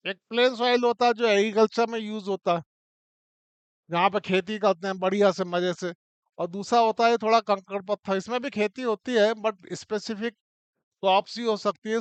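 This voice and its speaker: Male mining instructor with a high, smooth and resonant voice. Relaxed classroom explanation, often checking in with the listener. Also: dry recording. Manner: talks through a model step by step, often checks in with the listener. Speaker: mining teacher.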